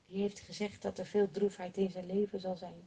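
A woman telling a Bible story expressively, swinging from emphatic to hushed. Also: medium pitch, flat delivery, brisk, husky.

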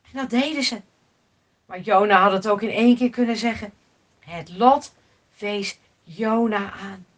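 Woman reading a bible story to kids, slow and dramatic, goes soft then loud. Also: medium pitch. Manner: expressive, dramatic, swings between hushed and loud. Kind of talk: children's Bible story narration.

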